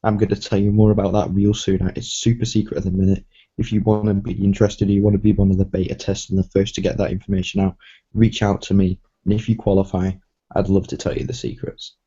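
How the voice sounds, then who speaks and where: A man hosting a casual live stream, talking in a slow, even way that often trails off. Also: deep voice, breathy edge. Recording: dull lo-fi stream audio.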